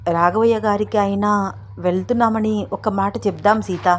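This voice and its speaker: A woman's voice: medium pitch, steady tone, moderate pace, slight background noise, lightly acted. A confused, earnest young man, read by a woman narrator. He pleads and asks questions, puzzled throughout. This is a storybook reading.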